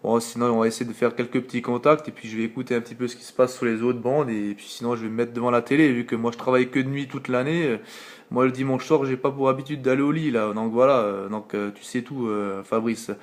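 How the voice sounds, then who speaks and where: A home CB radio operator with a French accent talks fast into his radio mic during a late-night contact, his mid-range voice keeping fairly even intonation. He rambles casually with lots of fillers, and the moment was filmed on a phone.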